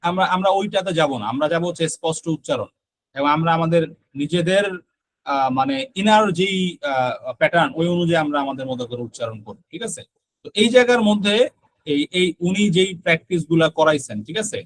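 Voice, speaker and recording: A man's voice: on the high side, animated. Bangladeshi man teaching an online class. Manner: explains slowly with frequent fillers and check-ins. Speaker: IELTS teacher.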